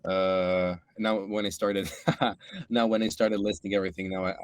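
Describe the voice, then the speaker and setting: Man from Serbia, low voice, dry sound, casual podcast chat, hedging. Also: level tone, normal speed, dry recording. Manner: thoughtful, hedging, many restarts. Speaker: podcast guest, startup co-founder.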